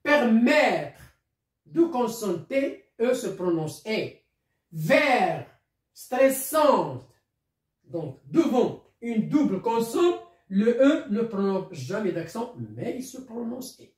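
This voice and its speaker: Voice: mid-range voice, sing-song, slow pace. A teacher with a Moroccan accent giving a recorded lesson, patiently repeating and spelling out words, with short explanations in Darija. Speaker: primary school teacher. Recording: echoey room, voice from far off.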